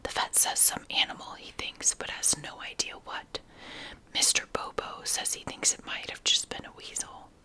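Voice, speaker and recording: A woman's voice: moderate pace, sharp tone. A woman in whispered role-play voicing a kindly, forgetful older lady neighbour from a storybook, gossipy and fussy. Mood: fond, chatty.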